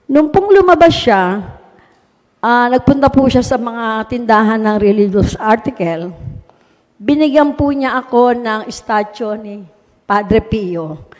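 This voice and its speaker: A woman's voice: on the high side, lively intonation, slow, darkish tone. A woman, a mayor, earnestly telling a personal testimony to an audience in a polite, respectful way. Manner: polite, earnest storytelling with frequent respectful particles. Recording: long hall reverb.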